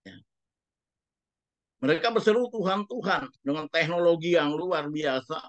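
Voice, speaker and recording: A man's voice: fairly high pitch, moderate pace, no room sound, highs cut off. A man preaching a sermon as a pastor, speaking emphatically and putting rhetorical questions to the congregation.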